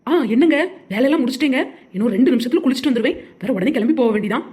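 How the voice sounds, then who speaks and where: Cartoon wife: a performer doing a meek young woman, Tirunelveli Tamil accent, high and mellow, quick. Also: expressive, lightly acted.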